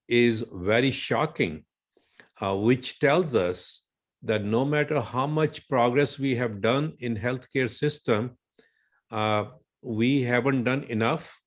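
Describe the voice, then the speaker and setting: A physician appearing as a guest explains things at a measured pace and cites figures. He has an Indian English accent and a mid-range voice.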